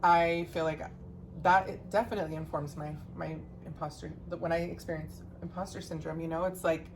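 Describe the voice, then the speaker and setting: Podcast host, woman, low-pitched, earnest casual talker who swears freely and gets animated; faint background hiss. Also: a little fast.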